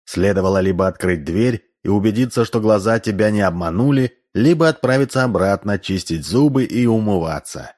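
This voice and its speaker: A man narrating an audiobook, reading in a lively manner and voicing the characters. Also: on the low side, fairly quick, few pauses.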